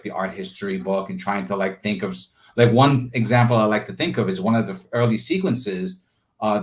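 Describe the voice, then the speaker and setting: In a voice on the low side, an interviewed artist thoughtfully and casually describes his creative process. Words don't always come easily, and he leans on "like" and "you know" a lot.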